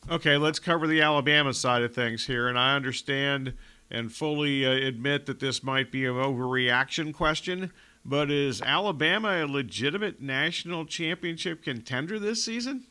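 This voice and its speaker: A man hosting a sports radio show, relaxed and joking about his own slips as he sets up questions. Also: mid-range voice, normal speed, clear, resonant tone.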